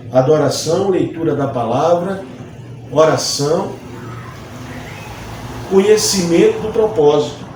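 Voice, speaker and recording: A man's voice: on the high side, dark tone, slight background noise. A man from Bahia, a Baptist pastor, teaching a Bible study lesson earnestly and repeating phrases for emphasis. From Bahia, Brazil. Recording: distant mic, very echoey room.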